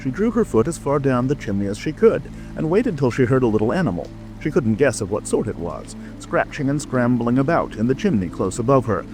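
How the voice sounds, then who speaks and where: Lively-pitched male storybook narrator. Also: a little fast, hardly any pauses, poor audio. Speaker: audiobook narrator. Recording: music and rain ambience behind. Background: music, rain.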